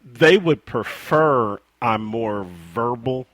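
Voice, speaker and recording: A man's voice: mid-range voice, slow pace, a bit bright, no echo. A middle-aged man, a father of sons, co-hosting a radio chat in an emphatic, reflective way. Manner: emphatic, reflective, restarts sentences. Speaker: radio show co-host. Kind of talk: casual chat.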